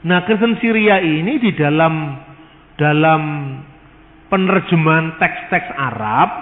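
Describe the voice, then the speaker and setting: A man giving a lecture, explaining words and asking rhetorical questions as he teaches. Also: on the high side. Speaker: lecturer on religious texts. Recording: tinny phone-like sound with long hall reverb.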